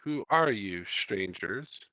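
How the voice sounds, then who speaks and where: A solemn female crystal elemental with a slow, formal delivery and bright, sharp tone, as a game master puts her on. The voice is dry, close and a little dull and lo-fi. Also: fairly low pitch, expressive, no echo, heavily acted. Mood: formal, stern.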